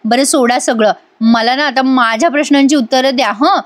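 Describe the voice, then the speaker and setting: A talkative young wife pleads and pesters, piling up questions for her silent husband, as a woman reviewer acts her out. The voice sits high and lively, with an insistent, coaxing push. It is serial dialogue retold in a plain voice-over. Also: moderate pace, natural voice.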